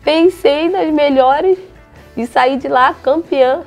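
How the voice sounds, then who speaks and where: A woman's voice: high-pitched, slow, faint music behind. Young woman footballer, chatty storyteller. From Brazil. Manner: chatty storytelling, acts out quoted dialogue. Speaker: footballer, interview guest. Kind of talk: casual interview chat.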